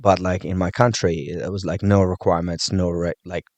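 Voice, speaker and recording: Deep-voiced man from Morocco, chatty. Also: fairly quick, dry recording. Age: 30s. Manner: animated, laughing, fills with "like" and "you know". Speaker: judo instructor, podcast guest. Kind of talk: casual storytelling chat.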